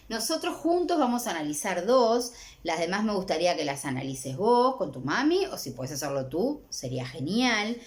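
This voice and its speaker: Woman language teacher, Uruguayan accent, animated lively pitch, keeps asking "¿sí?" to check in. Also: a little hiss or hum. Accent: Uruguayan Spanish. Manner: warm, checks in with repeated "¿sí?". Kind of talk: recorded exam-prep lesson.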